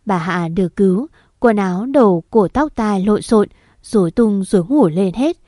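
A woman's voice: medium pitch, expressive, normal speed, dry recording. Woman reading a dramatic story, dry. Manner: voices the characters' shouted lines with rising intensity. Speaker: audiobook narrator.

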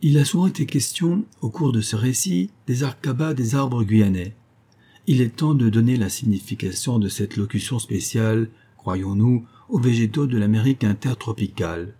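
A man narrating a novel in a steady, measured reading. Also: medium pitch, breathy edge. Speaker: audiobook reader.

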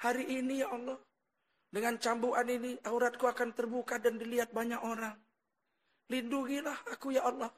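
A man voicing an elderly imam praying in anguish, in a hushed, pleading way. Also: very high-pitched, flat delivery, fairly quick. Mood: pleading prayer. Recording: long hall reverb.

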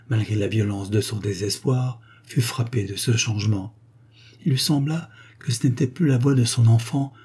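A man reading a nineteenth-century novel aloud as an audiobook narrator, in a measured, expressive way. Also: mid-range voice, breathy edge. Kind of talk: scripted literary narration.

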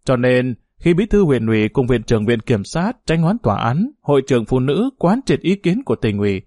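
A man's voice: medium pitch, fairly quick, no echo, studio quality. A man narrating a novel as an audiobook, telling it expressively. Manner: expressive storytelling.

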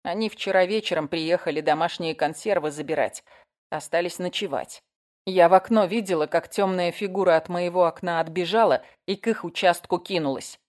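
Woman narrator voices a panicky, pleading frightened woman; audiobook, low-ish pitch. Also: brisk, darkish tone, natural voice. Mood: scared. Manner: whining, anxious, breathless. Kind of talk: audiobook reading.

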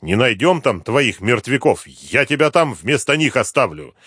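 A man reading an audiobook, voicing a brutal, gruff male police inspector who talks harshly and with threats. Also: medium pitch, sing-song, moderate pace, a bit bright, dry recording, studio quality, pitched above the performer's own voice. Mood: threatening.

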